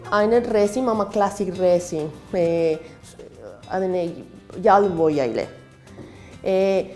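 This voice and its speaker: Slow-speaking foreign woman in broken Turkish. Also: mid-range voice, warm tone. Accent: foreign accent in Turkish. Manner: broken learner's Turkish with simple grammar; halting, searching for words. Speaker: artist and craft student. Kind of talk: personal interview account.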